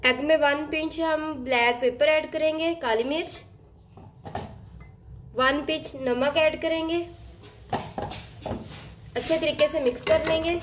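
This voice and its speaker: A woman hosting a cooking channel, calmly explaining each step of a recipe in a voice-over while she cooks at home. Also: sits high, slow, long pauses, background noise. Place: home kitchen.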